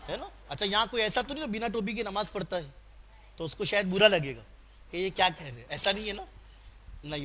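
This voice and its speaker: Very high and sharp-toned, a male preacher's voice urges on his congregation with questions and calls for responses. Between exhortations, he tells personal anecdotes in a chatty way.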